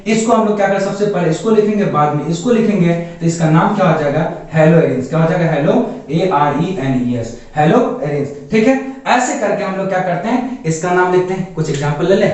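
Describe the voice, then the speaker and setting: A male chemistry teacher lectures at a board, firing questions at the class and answering them himself. His voice sits high for a man. He is recorded from a distance in a very echoey classroom. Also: fast, hardly any pauses, darkish tone. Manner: asks the class questions then answers them himself, calls students "babu". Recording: echoey room, voice from far off.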